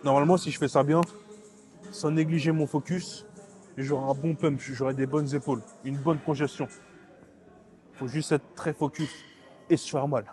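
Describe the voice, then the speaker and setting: A young man vlogs his workout in a gym, talking in quick, choppy bursts that trip into a stutter. His voice sits a bit high for a man but sounds dark and mellow. Music plays faintly in the background. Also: steady tone. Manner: fast, clipped talk with stutters and repeated words; counts reps aloud while lifting, strained and breathy. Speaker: fitness vlogger. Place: gym, indoors.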